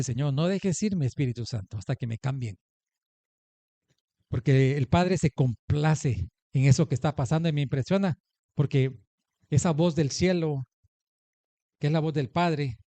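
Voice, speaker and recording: A man's voice: fairly high pitch, warm tone, dry recording. A man preaching a sermon as pastor, emphatic, asking the congregation questions and answering them. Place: church in the United States.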